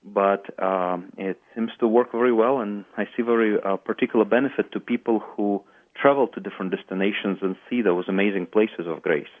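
Hesitant low-voiced middle-aged man, tinny line. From Latvia. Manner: measured, with frequent hesitations. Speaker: guest priest and pilgrimage tour founder. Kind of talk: radio interview answers. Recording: narrow phone-like radio sound.

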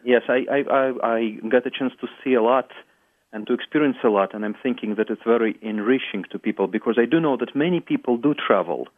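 A middle-aged man from Latvia, a priest being interviewed on radio, answering in a measured way with frequent hesitations. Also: medium pitch. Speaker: guest priest and pilgrimage tour founder. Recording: narrow phone-like radio sound.

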